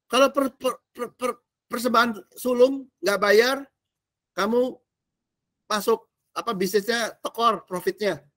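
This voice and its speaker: Slangy pastor preaching casually. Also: male voice, very high-pitched, measured pace. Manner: casual slangy preaching, quizzing the audience, animated swings between loud and soft. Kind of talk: sermon teaching a discipleship class.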